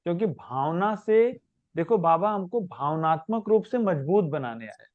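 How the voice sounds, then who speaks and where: High-pitched guy teaching a spiritual class, patient, lots of everyday examples, dry dull sound. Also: lively intonation, measured pace, no room sound. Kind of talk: question-and-answer class.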